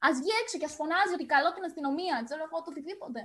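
A woman's voice: high-pitched, crowd noise. A young woman co-hosting a casual chat, blunt and heated, swearing freely. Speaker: podcast co-host.

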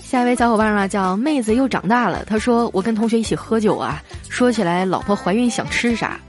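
A woman hosting a comedy show, reading out listener jokes in a lively storytelling way and chuckling through the punchlines. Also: mid-range voice, brisk, soft background music. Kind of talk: comic storytelling.

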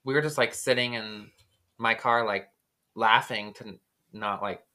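A man's voice: fairly low pitch, fairly even intonation, a little slow, pushed and bright. Rambling man telling a car story. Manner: rambling, lots of "like" fillers. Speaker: podcast co-host. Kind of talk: casual storytelling chat.

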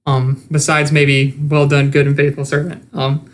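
Young guy preaching casually, kinda higher voice, earnest, stops and restarts a lot. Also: monotone, normal speed. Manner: earnest, conversational, with restarts and filler words. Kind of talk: informal Bible teaching.

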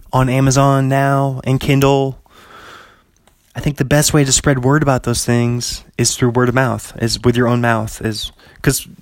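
A man with a medium-pitched voice hosts a solo podcast, rambling loosely and chatting casually. He often chuckles between thoughts and leans heavily on "like," with no room sound in the recording.

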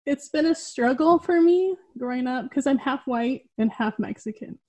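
A woman's voice: high voice, lively intonation, normal speed, a little mellow. A woman guest in a casual conversation, speaking heartfelt and earnest, with lots of "like". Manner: heartfelt, earnest, says "like" often.

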